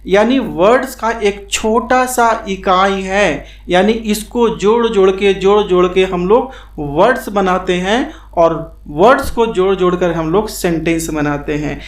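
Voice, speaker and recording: A man's voice: high voice, a little slow, few pauses. Male tutor for a beginners' lesson; patient and repetitive, asks questions and answers them; roomy echo. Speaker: English grammar teacher. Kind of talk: explanatory classroom lesson. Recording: echoey room.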